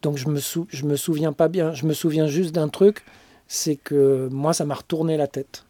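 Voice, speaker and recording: A man's voice: fairly high pitch, steady tone, moderate pace, dark tone, dry recording. A man from the Paris suburbs, casually recalling his own past in a loose, self-interrupting way. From Paris suburbs, France. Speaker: panel guest. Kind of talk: casual personal recollection.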